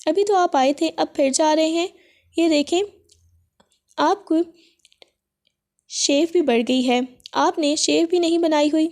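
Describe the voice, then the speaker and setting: A woman voicing a hurt young wife who pleads and questions in a high, soft-toned voice. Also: pauses often, lightly acted. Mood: pleading. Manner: pleading, emotional.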